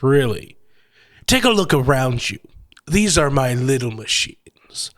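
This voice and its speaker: A bright, forceful mid-range male voice brings to life a sardonic, gloating machine-collecting killer for an audio horror story, full of theatrically polite, mocking menace.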